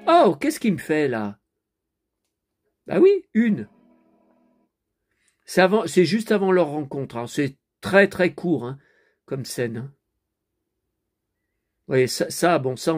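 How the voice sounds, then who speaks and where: A man's voice: on the high side, expressive, slow pace, long pauses. A man giving a casual running commentary while watching a DVD, chatty, often turning to his viewers and muttering to himself when flustered. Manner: chatty, keeps addressing viewers with tag words. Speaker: vlogger reviewing a DVD.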